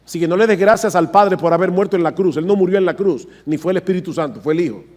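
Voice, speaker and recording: A man's voice: high-pitched, fast, darkish tone. A man preaching a sermon, emphatic, repeating himself for stress and speaking straight to his congregation. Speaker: pastor.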